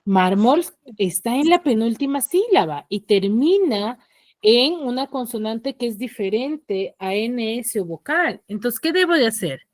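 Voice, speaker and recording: A woman's voice: on the high side, lively intonation, a little slow, dry recording. A woman teaching an online class with a Peruvian Spanish accent, leading students through questions step by step. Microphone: computer mic on a video call.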